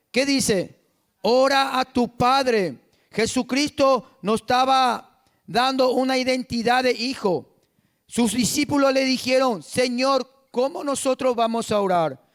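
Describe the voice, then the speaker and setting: A man with a Paraguayan Spanish accent preaching a sermon as pastor, reading scripture slowly and then preaching with emphasis. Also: extremely high pitch.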